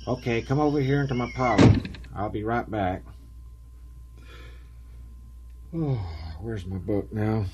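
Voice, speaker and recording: A man playing a gruff small-town parson in a radio drama. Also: lowish voice, normal speed, dull audio, heavy background noise, lightly acted. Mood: grumpy. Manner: gruff, grumbling. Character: grumpy male small-town parson, woken at night.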